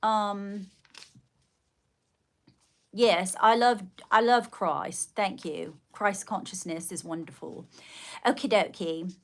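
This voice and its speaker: A woman's voice: mid-range voice, slow pace, pauses often, fairly bright tone. A middle-aged woman hosting a casual livestream, chatting with viewers in an effusive, endearing way. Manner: effusive greetings and terms of endearment. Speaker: livestream host.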